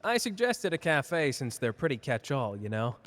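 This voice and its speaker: A man's voice: medium pitch, sing-song, moderate pace, fairly bright tone. Man acting cocky, flirty Gojo in long reverb. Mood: playful, flirty. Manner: teasing, casual, boastful. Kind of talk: ASMR character roleplay addressed to listener.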